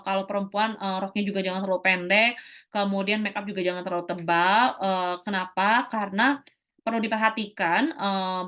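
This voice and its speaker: A middle-aged woman teacher giving a casual lecture, talking quickly with many fillers and restarts. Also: medium pitch, a bit bright.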